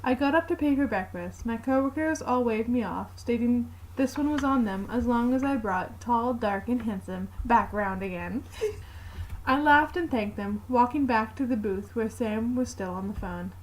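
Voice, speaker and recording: A woman narrating a fanfiction aloud in the first person, with a steady, plain reading. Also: fairly high pitch, normal speed, hardly any pauses, a little hiss or hum, poor audio.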